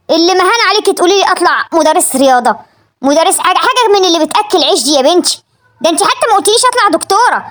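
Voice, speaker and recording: A woman's voice: high-pitched, fairly bright tone. A woman playing an exasperated middle-aged mother with an Egyptian accent who scolds and nags her daughter. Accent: Egyptian Arabic. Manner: scolding, nagging.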